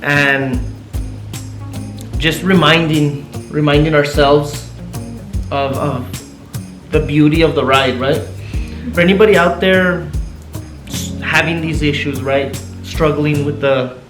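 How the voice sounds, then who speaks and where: Excitable man retelling a story at home. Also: a little high, slow, pauses often. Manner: excitable, repeats himself, mixes in Spanish. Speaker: vlogger, husband. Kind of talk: casual storytelling to camera. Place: living room at home. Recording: echoey room with soft music.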